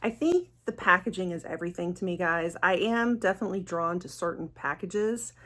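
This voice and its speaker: Female product-review host, lowish register, chatty and enthusiastic, informal delivery. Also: animated, brisk, fairly bright tone. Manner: gushing, enthusiastic. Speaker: fragrance vlogger, channel host.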